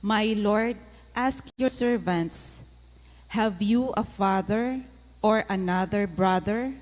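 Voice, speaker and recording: A woman reading scripture formally as a lector, in deliberate, separated phrases, in an echoing church. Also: mid-range voice, darkish tone. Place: large church interior. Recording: long reverberant echo of a church.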